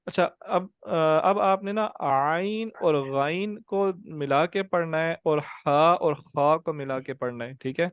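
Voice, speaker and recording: A man's voice: on the high side, clean tone, dry recording, muffled recording. A young man teaching an online Quran tajweed class, patiently drilling letter sounds and calling on students by name over a video call. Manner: drawn-out demonstrated letter sounds.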